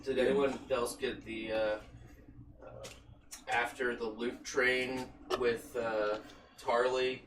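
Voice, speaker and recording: A man's voice: mid-range voice, flat delivery, takes it slowly, a bit bright, recorded from a distance, soft background music. A man co-hosting a casual podcast chat, rambling and laughing often. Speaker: podcast co-host. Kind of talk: casual chat reviewing a TV episode. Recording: roomy, from off the mic, faint noise.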